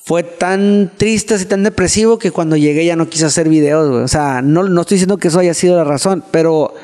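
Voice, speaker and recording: A man's voice: on the high side, a little fast, a little mellow. A young man with a Mexican accent, a podcast guest telling a personal story in slangy, self-mocking casual chat. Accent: Mexican Spanish. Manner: slangy, peppers speech with filler words, self-mocking. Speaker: guest youtuber.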